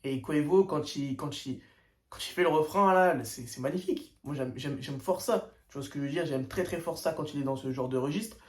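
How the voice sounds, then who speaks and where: A man's voice: on the high side, a little fast. Slangy young man reacting, echoey room. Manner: slangy, hesitant, full of "tu vois" and "euh". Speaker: music reaction host. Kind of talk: casual first-listen reaction commentary.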